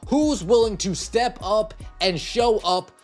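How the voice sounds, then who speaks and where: A man's voice: high-pitched, takes it slowly, soft background music. A man giving casual sports commentary, earnestly posing questions and speaking directly to his viewers.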